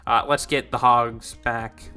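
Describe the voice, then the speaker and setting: A man's voice: medium pitch, level tone, measured pace, sharp tone, clean tone, soft background music. A young man giving rambling, casual commentary over his own gameplay, easily confused and self-deprecating. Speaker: gaming YouTuber.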